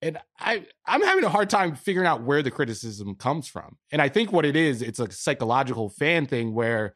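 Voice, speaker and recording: A man's voice: mid-range voice, very animated, fairly quick, a bit bright, no echo, clean studio sound. A man giving casual, matter-of-fact sports analysis as a podcast guest.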